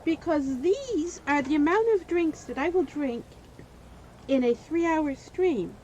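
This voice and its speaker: A hoarse woman streamer talks over her gameplay, her worn voice swinging widely up and down as she rambles. She drifts from venting back to the game and out again. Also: high voice, lively intonation, a little slow, darkish tone, a little hiss or hum, poor audio. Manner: rambling, venting, jumping between rant and game. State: voice wearing out, hoarse. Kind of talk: live gameplay commentary.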